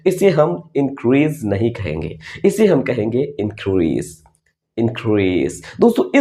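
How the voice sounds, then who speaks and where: A man's voice: a little high, darkish tone. A man with an Indian accent teaching English pronunciation in a video lesson, saying each word twice.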